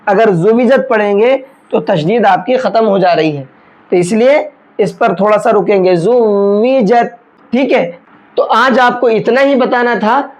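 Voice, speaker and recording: A woman teaching Quran tajweed step by step, patiently explaining letters and chanting verses slowly. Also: on the high side, darkish tone, dull audio. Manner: slow, patient explanations with drawn-out chanted recitation. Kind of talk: step-by-step recitation lesson.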